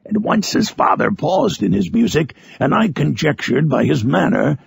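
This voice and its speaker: A man voicing Frankenstein's monster, a lonely, eloquent man-made creature, in a solemn, harsh storybook narration with drawn-out phrasing. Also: on the high side, big pitch swings, no echo, full character voice. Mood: somber, reflective. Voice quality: harsh, gravelly, raspy. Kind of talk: dramatic audiobook narration in character.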